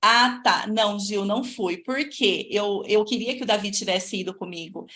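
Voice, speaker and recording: A woman in her forties with a Brazilian Portuguese accent, hosting a live stream and telling her life story in a chatty, lively way, talking straight to her viewers. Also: mid-range voice, normal speed. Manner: lively, chatty, speaks straight to viewers and reads their comments. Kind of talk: casual personal storytelling.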